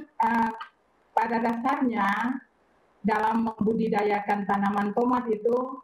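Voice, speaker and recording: A woman plant protection expert explaining in a measured way, often pausing with fillers. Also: on the high side, roomy sound, poor audio. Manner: measured, with frequent hesitation fillers.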